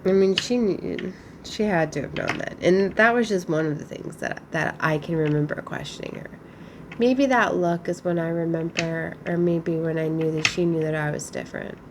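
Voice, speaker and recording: A woman giving a casual, chatty spiritual tarot reading, musing aloud with thoughtful pauses. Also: fairly low pitch, noisy background. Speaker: tarot reader.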